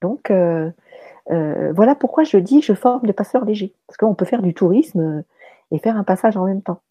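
Woman, storytelling medium, lively pitch, husky, dry close sound. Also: normal speed, no room sound. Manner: animated, many fillers and restarts. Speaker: medium teaching soul passage. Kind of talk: casual storytelling chat.

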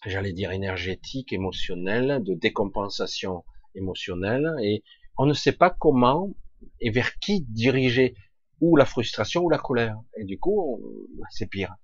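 A man with a raspy, scratchy-throated voice delivers an opinionated, informal monologue. His intonation swings widely as he hammers his points with rhetorical questions and blunt slang. The sound is dull and lo-fi. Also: lowish voice, expressive, normal speed, dry recording. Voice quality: husky, raspy. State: throat scratchy with occasional coughing. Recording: dull, lo-fi close recording.

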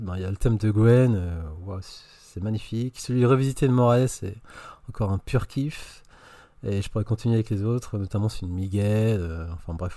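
A man reviewing a film on a podcast, enthusiastic and opinionated, often pausing on fillers. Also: on the low side, dark tone, dry recording. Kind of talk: casual podcast chat.

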